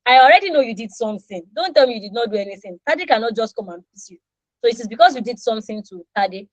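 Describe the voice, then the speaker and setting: Teaching English online, this Nigerian woman in her thirties, whose first language is Yoruba, animatedly plays out little sample conversations with her students. She talks fast in a slightly high voice. There is no echo on the recording.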